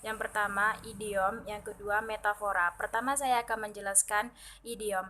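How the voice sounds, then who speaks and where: A woman's voice: medium pitch, fairly even intonation, moderate pace, bright, forceful tone, slight background noise, poor audio. A woman student giving a class presentation, laying out her points one by one in an orderly way.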